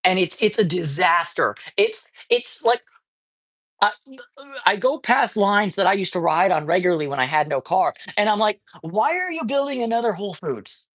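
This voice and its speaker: A cat-rescuing livestreamer, broadcasting from a cat colony, rants in a loose, rambling casual chat, cursing freely. He keeps tripping over his sentences and circling back to start again. His voice sits high, animated and fairly bright, at a normal speed.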